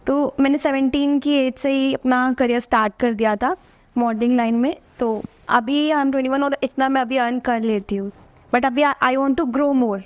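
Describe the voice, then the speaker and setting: A woman's voice: high-pitched, fairly even intonation, measured pace, highs cut off. A young woman in her early twenties, a model and influencer, chatting confidently as a podcast guest and mixing English into her talk. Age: 20s. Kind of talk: casual interview chat.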